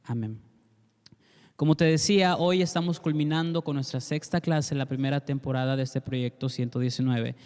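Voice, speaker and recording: A man's voice: medium pitch, moderate pace, darkish tone, clear, resonant tone. A man teaching a Bible class, speaking earnestly and directly to the listener, and leading a prayer. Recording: long reverb.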